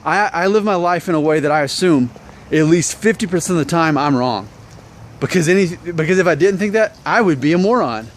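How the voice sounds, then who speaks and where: Expressive and brisk, this slightly high male voice belongs to a vlog host in his thirties chatting with viewers about his opinions. He's self-deprecating and conversational, full of rhetorical questions, with a little hiss or hum present.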